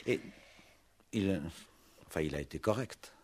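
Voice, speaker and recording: In a 1960s French radio play, a male actor with a low voice portrays a probing, dryly sceptical police commissioner. He questions curtly and methodically, using grunts and short prompts, with lively intonation at a measured pace. A little hiss or hum sits under the recording.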